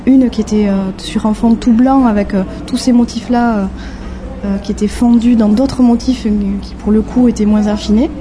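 A young woman from the French Basque Country, a graphic designer, answering interview questions in a casual, halting way, often searching for words. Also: fairly high pitch, fairly even intonation, background noise.

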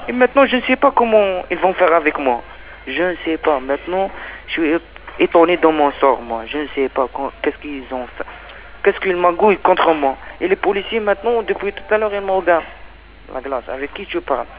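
A man speaks French as a second language, with non-native phrasing, in an agitated personal testimony. He circles back and repeats himself as he talks, and his voice sits somewhat high for a man. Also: animated, fairly quick, rough recording. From Palestine. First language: not French. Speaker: undocumented migrant giving testimony.

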